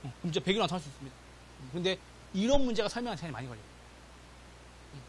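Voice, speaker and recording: A middle-aged man teaching an exam-prep class, lively and constantly checking that students follow. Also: sits high, rapid-fire, a little hiss or hum. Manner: animated, checks in with "맞죠?" and "됐죠?", acts out quotes. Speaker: real estate exam lecturer. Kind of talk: classroom lecture.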